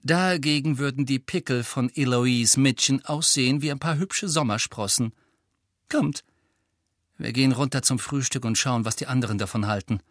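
A man's voice: medium pitch, moderate pace, no echo, studio quality, close to an everyday voice. A man voicing a clever, principled teenage girl with a firm, know-it-all way of talking, in an audiobook reading. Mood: smug.

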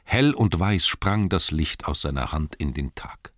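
A man narrating an audiobook in an expressive storytelling manner. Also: very deep voice, unhurried, dry recording, studio quality.

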